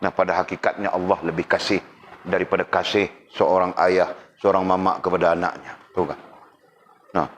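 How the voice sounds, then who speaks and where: A man teaches a religious class in a relaxed lecturing voice that sits fairly low. He keeps checking whether his listeners follow and slips in teasing jokes. A faint background hum runs under his talk. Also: fairly quick.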